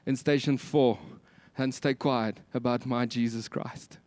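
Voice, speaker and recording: A man's voice: mid-range voice, steady tone, a little slow, darkish tone, no room sound. A man with a South African Afrikaans accent preaching a sermon, emphatic, with repeated phrases and rhetorical questions.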